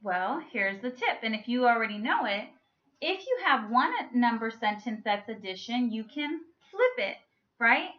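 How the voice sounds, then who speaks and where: A playful woman teaching young children, coaxing and slow, stretching her words. Her voice is high. The recording is echoey and a little muffled. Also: big pitch swings. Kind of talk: children's math lesson with a story. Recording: echoey room with a muffled sound.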